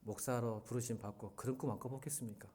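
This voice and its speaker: A middle-aged man, a pastor, preaching a sermon in a church, shifting between quiet, earnest lines and loud, animated retellings. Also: medium pitch, quick pace, a little hiss or hum. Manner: animated, swings from soft to loud when retelling a drama scene. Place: church sanctuary.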